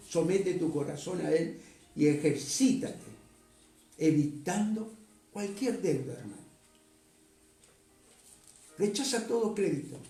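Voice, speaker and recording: A man, a pastor preaching a sermon, reading scripture slowly and then urging his congregation with rising force. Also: fairly high pitch, creaky, dark tone, reverberant.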